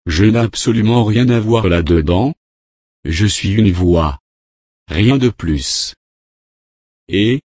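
A man preaching a sermon in a slow, measured way with long pauses. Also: on the low side, darkish tone, no echo, studio quality.

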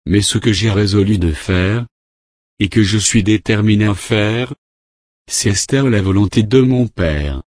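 Slow, low-voiced male preacher. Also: a little mellow, no room sound, clean studio sound. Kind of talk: sermon.

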